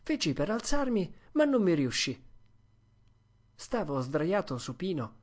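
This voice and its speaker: Steady storybook narrator, expressive reading. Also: medium pitch, a little slow. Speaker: audiobook narrator. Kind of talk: first-person storybook reading.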